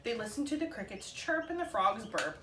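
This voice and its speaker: A woman reading a children's story aloud as expressive narration for story time. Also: on the high side, fairly quick, distant mic. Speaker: storytime reader. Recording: roomy echo with faint background noise.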